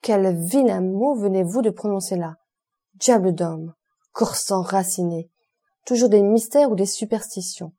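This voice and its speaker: A cool, ironic aristocratic count giving orders with dry mockery, as a woman reads him in a storybook. The voice is mellow and softly breathy, calm and imperious, never hurried. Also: medium pitch. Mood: cool commanding.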